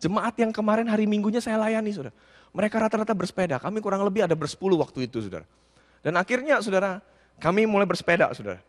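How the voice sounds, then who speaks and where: A male pastor telling a humorous story in a sermon, animated and slipping English words into his speech. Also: sits high, racing, long reverb tail.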